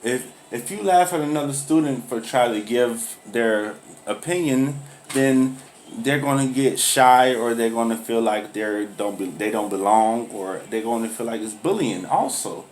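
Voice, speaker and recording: Woman as a deep-voiced, firm schoolteacher, patient but corrective; faint hiss. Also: measured pace, darkish tone. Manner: patient, corrective, lecturing on humility. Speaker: teacher. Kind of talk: comedy skit acting.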